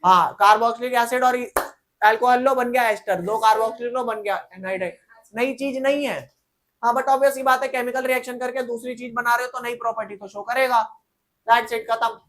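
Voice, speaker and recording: A man's voice: very high-pitched, fairly even intonation, moderate pace, fairly bright tone. A male teacher giving a casual chemistry lecture, quizzing the class over and over and answering himself in a slangy, teasing way.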